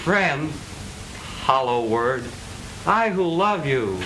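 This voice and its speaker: A man's voice: on the high side, expressive, very slow. Stagey lovestruck college boy. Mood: melodramatic. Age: young adult. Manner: florid, declamatory, stagey old movie delivery. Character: lovestruck, earnest, melodramatic college-boy son. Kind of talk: stagey 1920s early-talkie comedy film acting. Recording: hissy 1920s film soundtrack.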